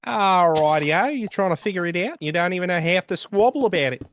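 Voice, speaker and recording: A man's voice: sits high, expressive, a little fast, slight background noise, voice pushed up. A man putting on a jokey mock-British young bloke voice with an exaggerated singsong lilt. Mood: teasing.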